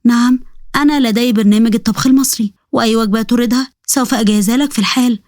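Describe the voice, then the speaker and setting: A polite robot bride speaks in stiff, mechanical, formal sentences, as a woman narrator puts her on. The voice sits clearly higher than the narrator's own. It is recorded very dry and close, and the delivery is rapid. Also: fairly even intonation, a little mellow, no echo, natural voice. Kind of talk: storybook narration with character voices.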